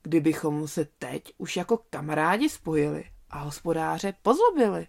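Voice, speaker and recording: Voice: mid-range voice, sing-song, vocal fry, a little mellow. A storyteller voicing a cheeky, kind-hearted young male lamb. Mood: eager.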